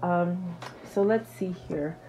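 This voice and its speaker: A woman giving a casual tarot reading to her viewers, halting often with fillers and restarts and speaking reassuringly. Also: fairly low pitch, mellow, a little hiss or hum. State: hiccups. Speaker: tarot reader.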